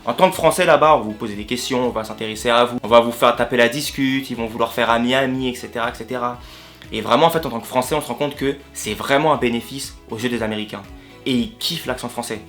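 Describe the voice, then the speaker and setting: A man from France talks to his viewers in a quick, easygoing vlog style. He leans on slang and keeps circling back to rephrase what he just said, with soft guitar music playing faintly behind him. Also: medium pitch. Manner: slangy, repeats and rephrases himself. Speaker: vlogger. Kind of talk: casual storytelling vlog.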